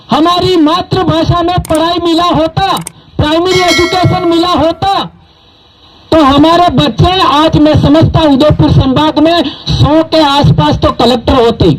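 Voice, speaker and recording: On stage at a public gathering, a high-voiced man whose first language is Bhili gives a rousing speech as a community speaker, emphatically testing the crowd with rhetorical questions. He is from southern Rajasthan, India. The low-quality recording has a slight hiss or hum.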